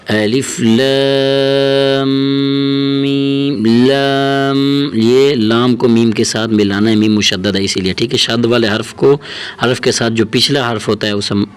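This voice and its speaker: Patient man teaching Quran letters. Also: lowish voice. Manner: patient, repeats points, drawn-out recited letters. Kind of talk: explaining a lesson.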